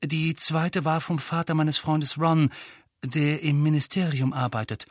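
A man voicing a defiant teenage boy wizard who answers calmly and curtly. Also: a little high, a little slow, no echo, studio quality, voice pushed up, natural voice. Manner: level, curt.

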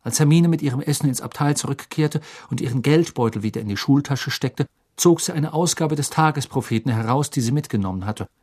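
A man's voice: medium pitch, fairly quick, hardly any pauses, darkish tone, husky. A man narrating a fantasy novel as an audiobook, telling the story expressively. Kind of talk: scripted narration.

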